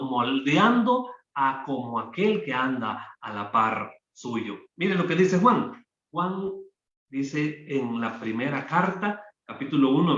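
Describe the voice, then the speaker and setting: A man's voice: on the high side, a bit bright. A male minister preaching a sermon, emphatic, who keeps addressing listeners as brother and asking "right?". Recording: echoey, dull church recording.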